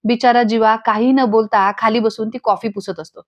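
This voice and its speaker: A woman narrating a recap of a TV serial episode in a brisk, expressive, sympathetic storytelling way. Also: fairly high pitch. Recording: dull lo-fi recording.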